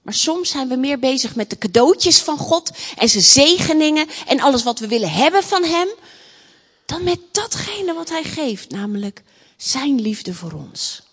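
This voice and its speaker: A woman reading a rhyming children's story aloud in an expressive, sing-song way, then speaking to a church gathering. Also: high voice, unhurried. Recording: long hall reverb.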